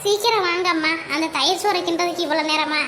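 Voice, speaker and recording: Voice actor as pushy little cartoon girl, shrill, noisy track. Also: fast, pushed and bright, echoey room. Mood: whiny. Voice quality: very high, thin cartoon voice. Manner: whiny, pushy. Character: impatient little schoolgirl daughter. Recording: audible background noise.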